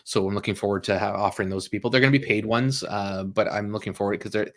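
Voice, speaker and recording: A man with a low, gravelly voice hosts a casual livestream, his deep tone crackling with vocal fry throughout. He rambles with plenty of fillers, apologizes quickly, and laughs easily, all in a steady tone.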